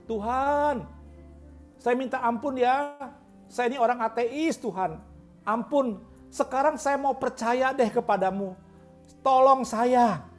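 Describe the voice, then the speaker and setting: A man's voice: extremely high pitch, slow pace, long pauses, soft background music, voice pushed up. A male pastor voicing a frightened male atheist who begs God for rescue, in a pleading, panicky tone raised above his own voice.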